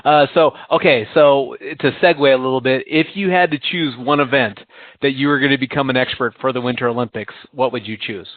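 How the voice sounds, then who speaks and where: A man's voice: mid-range voice, a little fast, dry recording. A man from the United States co-hosting a casual podcast chat, rambling and poking fun at himself, laughing often. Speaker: podcast co-host. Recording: tinny phone-like sound.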